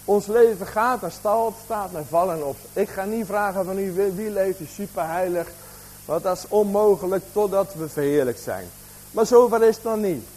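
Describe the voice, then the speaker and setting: Husky high-voiced preacher. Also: male voice, moderate pace, mellow, poor audio. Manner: preaching with rhetorical questions to the congregation. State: slight cough. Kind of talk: sermon.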